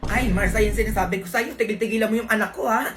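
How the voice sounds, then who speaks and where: A woman with a Filipino accent performs a comedy skit she created, switching between several characters in a fast, mid-range voice. Her delivery is loud, scolding and comically exaggerated, with music playing in the background.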